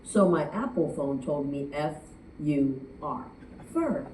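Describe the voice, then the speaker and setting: A woman from the United States speaking to a contest audience as a judge, chatty and animated, acting out quotes. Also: sits low, a little slow, slight background noise. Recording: echoey room from far off.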